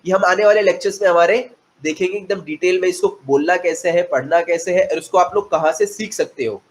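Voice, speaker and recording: High-voiced man teaching spoken English. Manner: explains in Hindi with English phrases, spells out letters slowly. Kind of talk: classroom lecture.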